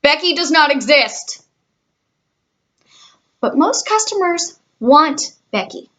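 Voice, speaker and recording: A woman's voice: sits high, very animated, slow pace, pushed and bright. A woman in her twenties who works in a call centre, chatting candidly with a sarcastic, cynical edge. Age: 20s. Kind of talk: casual vlog chat.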